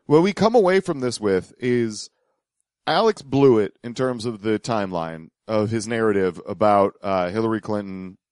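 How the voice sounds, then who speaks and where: A man's voice: fairly low pitch, lively intonation, moderate pace, a little mellow, clean tone, dry recording. A man co-hosting a podcast, giving casual comedic commentary. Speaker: podcast co-host.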